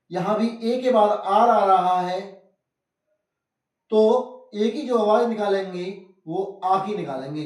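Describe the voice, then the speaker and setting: A man's voice: high voice, darkish tone. A man teaching phonics, spelling out letters one by one and calling his viewers friends. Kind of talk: phonics lesson. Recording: echoey room, voice from a distance.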